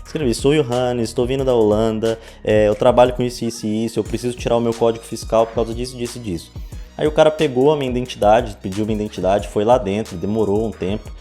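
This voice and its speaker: Speaking quickly in a warm, steady, mid-range voice, a Brazilian Portuguese-accented vlogger in his twenties shares his experiences with the camera in a relaxed storytelling style. Music plays in the background.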